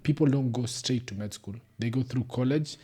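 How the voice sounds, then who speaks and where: A casual podcast conversation features a young Kenyan doctor who explains things patiently in Kenyan-accented English, working in Swahili phrases here and there. His voice is mellow and medium-pitched with a breathy edge, at a normal speed.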